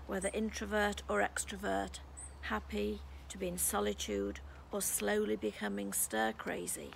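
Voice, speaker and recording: A British woman in her sixties, a priest giving a calm, measured sermon in her garden, read from notes into a phone. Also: mid-range voice, vocal fry, a little hiss or hum, low-quality recording. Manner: calm, measured, reflective delivery. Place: garden outdoors. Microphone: phone camera held close.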